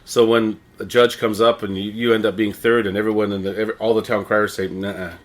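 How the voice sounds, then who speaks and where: A middle-aged man with a Canadian accent answers interview questions conversationally, in a halting, rambling way with repeated words. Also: lowish voice, level tone. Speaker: interviewee, town crier and visitor services manager.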